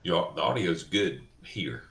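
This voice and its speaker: A man's voice: sits low, lively intonation, unhurried, creaky, a bit bright. A man, a guest on a ham radio livestream, giving laid-back, brief replies. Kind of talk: casual chat.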